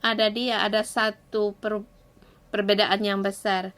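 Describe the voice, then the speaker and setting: A woman's voice: medium pitch, level tone, unhurried, fairly bright tone. A woman giving a morning devotion and leading an earnest, pleading prayer in short phrases. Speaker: devotion speaker.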